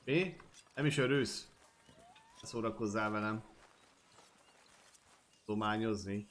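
A man's voice: fairly low pitch, a bit bright, slight background noise. A man streaming a game and commenting casually, joking, swearing and chatting to his horse and viewers.

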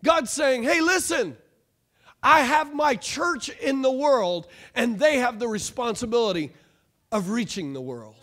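Male pastor, 30s, very high voice, energetic stage preaching. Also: measured pace. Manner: animated, call-and-response preaching, pacing the stage. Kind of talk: sermon. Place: church stage, large room.

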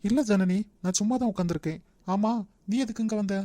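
A woman voicing a quiet, withdrawn young man in a cartoon, with a Nagercoil Tamil accent and a curt, reserved manner. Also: mid-range voice, fast, no room sound, close to an everyday voice. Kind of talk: cartoon voice acting.

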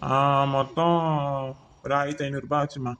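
A man's voice: fairly high pitch, fairly even intonation, normal speed, a bit bright, slight background noise, lightly acted. A man voicing a friendly cartoon shopkeeper who chats up his customers. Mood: salesy. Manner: salesy, chatty. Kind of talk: cartoon voice acting.

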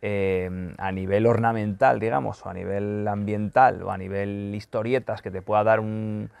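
Gravelly, blunt man vlogging. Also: lowish voice, level tone, moderate pace, darkish tone, no room sound. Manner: blunt and profane, with many fillers and restarts. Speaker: football journalist and video host. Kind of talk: casual question-and-answer vlog. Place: in Qatar during the World Cup.

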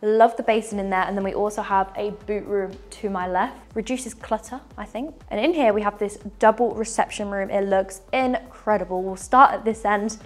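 A young woman with a mid-range voice leads an upbeat walking tour of a large furnished house, speaking at a normal speed with hardly any pauses. She's enthusiastic and gestures as she moves, recorded on a lapel mic indoors.

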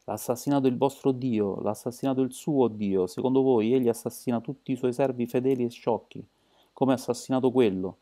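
A man's voice: medium pitch, fairly even intonation, fairly quick, warm tone, close to an everyday voice. A man voicing an angry, argumentative atheist demagogue in an audiobook. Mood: furious.

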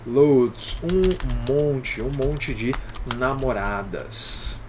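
A man's voice: mid-range voice, animated, drawn-out words, noisy background. A man with a Brazilian Portuguese accent teaching English on a live stream, explaining patiently and greeting viewers by name, often ending with "alright?".

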